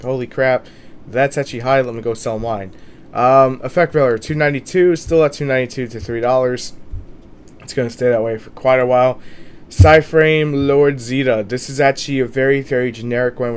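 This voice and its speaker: A man with a sore throat, feeling sick, giving casual, informal video commentary as host of a price guide. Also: mid-range voice. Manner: informal, mild swearing. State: under the weather with a sore, swollen throat.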